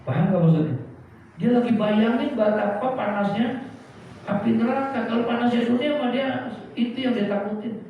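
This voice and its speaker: A man's voice: very high voice, moderate pace. A man preaching a kitab study sermon, telling stories and throwing rhetorical questions to his listeners. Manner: storytelling, asks the crowd rhetorical questions. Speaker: Islamic preacher. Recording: echoey, distant, dull, noisy hall.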